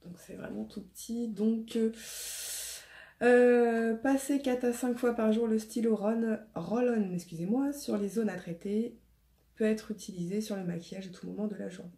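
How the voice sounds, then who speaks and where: In a casual beauty haul, a woman with a slightly high, creaky, warm voice chats at a moderate pace, hesitating often and using many fillers. She coughs slightly, still getting over being sick. The sound is echoey, with faint noise in the background.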